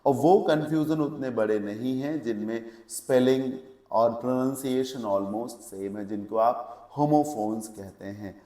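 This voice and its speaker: A man's voice: medium pitch, unhurried, dark tone, reverberant. A male English teacher giving a lecture, explaining step by step and checking with questions, mixing English words into his Hindi. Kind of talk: classroom lecture.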